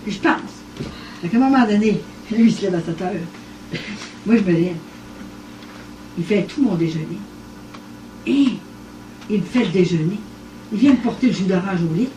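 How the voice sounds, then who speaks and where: A woman's voice: mid-range voice, normal speed, long pauses, a little hiss or hum. An older woman with a Québécois accent, telling a story at a home gathering and acting out what each person said, often laughing. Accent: Québécois French. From Quebec. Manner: animated, acts out dialogue, laughs often. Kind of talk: casual storytelling. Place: living room at a private evening gathering. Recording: echoey home cassette recording from far off.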